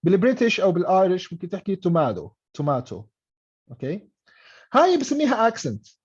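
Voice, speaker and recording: A man's voice: high voice, big pitch swings, fast talker, slightly rough. Man teaching English on a dull online call. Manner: mixes English and Arabic, frequent "okay?" checks. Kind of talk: online class explanation.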